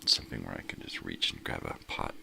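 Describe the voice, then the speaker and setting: A middle-aged or older man with a gravelly, raspy voice, chatting in a laid-back, rambling way as he hosts a morning live stream, often repeating himself. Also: quick pace, pushed and bright, slight background noise. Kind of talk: casual rambling vlog chat.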